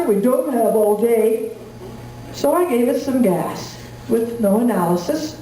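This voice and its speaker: A woman recites cowboy poetry to a live audience in a folksy, storytelling way, in rhymed and measured verse. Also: a little high, mellow. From rural Wyoming, United States. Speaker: cowboy poet. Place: indoor room at a live gathering. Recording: echoey room, distant mic, faint noise.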